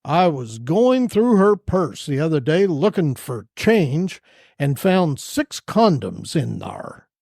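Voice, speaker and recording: A man doing a slow-witted country hillbilly who drags every word out in a lazy, folksy drawl. His voice stays fairly high and lilts up and down as he spins his yarn. The sound is close and dry. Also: big pitch swings, vocal fry, darkish tone, no echo, heavily acted. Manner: slow, drawn-out folksy delivery.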